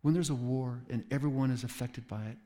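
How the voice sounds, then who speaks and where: A man preaching a sermon at a mid pitch, animated and storytelling, with sudden high jumps whenever he acts out a quoted voice. His voice rings out with the long reverb of a church hall. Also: a little fast. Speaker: pastor.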